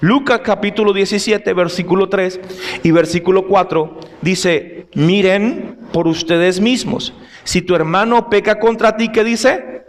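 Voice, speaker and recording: A man's voice: sits high, steady tone, unhurried. A male pastor preaching a sermon, reading scripture aloud and explaining it, turning to the congregation with direct questions and asides. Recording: long hall reverb.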